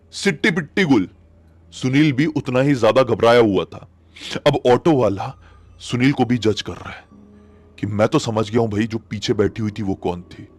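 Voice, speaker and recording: A man's voice: on the high side, no room sound. Chatty male horror storyteller. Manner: dramatic, chatty, sudden loud peaks. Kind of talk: casual spoken horror storytelling.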